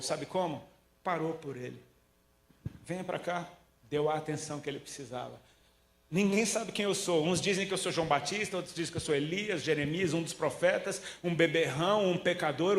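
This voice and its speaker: A Brazilian man preaches with a somewhat high, lively voice and tells stories in casual slang, acting out what his characters say. The sound rings in a roomy echo. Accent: Brazilian Portuguese. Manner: animated storytelling, slangy, acts out quotes. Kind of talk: sermon.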